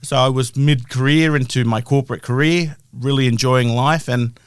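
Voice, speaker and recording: A man's voice: medium pitch, steady tone, moderate pace, clean tone, dry recording, clean studio sound. A middle-aged man with a broad Australian accent, explaining his work as a guest in a conversational interview. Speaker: interview guest, health-tech founder.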